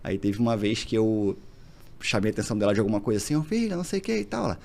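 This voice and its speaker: Fast-talking gravelly Brazilian man. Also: lowish voice. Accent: Brazilian Portuguese. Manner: animated storyteller, acts out dialogue. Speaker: podcast guest, single father. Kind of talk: casual interview chat.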